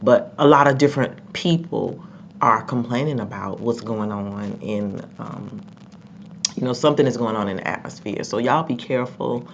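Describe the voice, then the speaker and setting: A sick, congested vlogger rambles casually to viewers in a commentary vlog, full of ums and repeated words. The voice is mid-range with vocal fry at a normal speed, and the lo-fi recording sounds dull with faint background noise.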